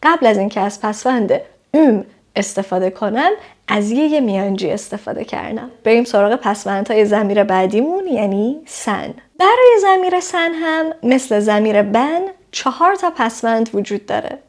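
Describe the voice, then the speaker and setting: A woman with a fairly high voice teaches a grammar lesson. She explains each rule step by step and stretches the example words out slowly so learners can hear every sound. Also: animated. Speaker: Turkish language teacher.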